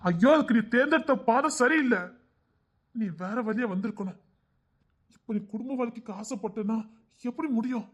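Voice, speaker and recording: In a dull lo-fi recording, a man with a Tirunelveli Tamil accent plays an urgent older-brother ally in an audio story. His very high voice moves briskly with frequent pauses as he presses and scolds, rising to shouts.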